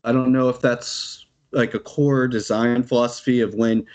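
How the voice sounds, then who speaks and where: A man's voice: mid-range voice, little pitch movement, normal speed, darkish tone. Chill guy rambling about games on a podcast, swears casually, laughs a lot.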